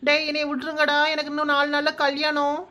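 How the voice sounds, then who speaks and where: Quick, high-pitched and monotone, this woman's sharp voice brings a cartoon bride-to-be to life. Her brash young character speaks with a Kanyakumari Tamil accent, swinging between scolding panic, a stream of insults and wailing cries for help.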